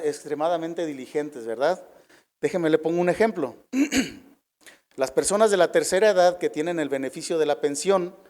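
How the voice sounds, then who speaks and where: A middle-aged man preaching a sermon in a conversational way, often tagging his sentences with questions to the congregation and pausing on fillers. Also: fairly high pitch.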